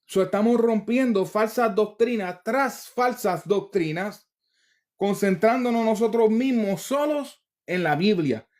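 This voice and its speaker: Slow, high-voiced preacher. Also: male voice, darkish tone. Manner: slow, deliberate reading with casual asides. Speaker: preacher teaching from the Bible. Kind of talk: Bible teaching, reading verses aloud.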